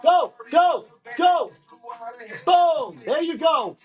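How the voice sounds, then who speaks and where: A man's voice: extremely high pitch, lively intonation, very slow, faint music behind. A man on a livestream selling cards, ranting aggressively and swearing at viewers. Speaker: live-stream card seller. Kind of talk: angry livestream rant.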